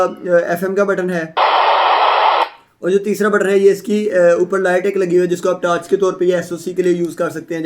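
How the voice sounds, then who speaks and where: In an echoey room, a product reviewer with a high-pitched, somewhat mellow voice casually unboxes and demonstrates an item step by step. He frequently checks in with short tag phrases while explaining.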